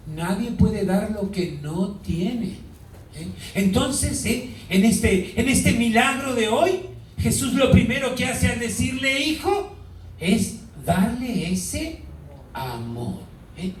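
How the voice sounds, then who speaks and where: High-voiced priest in an echoey church. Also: male voice, lively intonation, slight background noise. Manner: asks the congregation questions, drawn-out emphasis. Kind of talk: sermon. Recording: echoey hall, mic far off.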